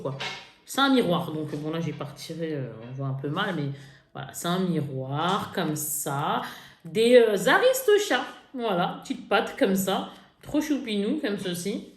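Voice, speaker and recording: A woman with a fairly low voice, speaking a little fast, walks through her makeup haul as a beauty vlogger. The tone is chatty and lively, with frequent laughs and self-mocking jokes, and the room sounds echoey with faint noise.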